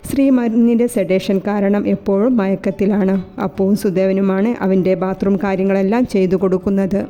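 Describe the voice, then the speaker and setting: A woman narrates a romance novel aloud and speaks the characters' dialogue in her own voice. Her tone is mellow and warm, and a long reverb trails behind it. Quiet music plays underneath. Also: medium pitch. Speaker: storyteller.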